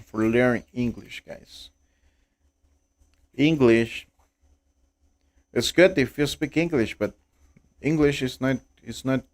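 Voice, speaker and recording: A young Costa Rican man who speaks Spanish natively, hosting a live trading stream in halting English, with many repeated words and restarts. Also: medium pitch. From Costa Rica. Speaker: livestream trading host. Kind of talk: casual live-stream chat.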